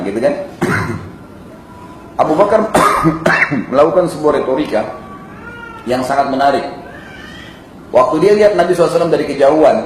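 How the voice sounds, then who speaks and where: Lively preacher man telling a story in an echoey hall. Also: a little high, slight background noise. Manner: lively, addresses the audience directly. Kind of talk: storytelling sermon. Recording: echoey hall with faint ambience.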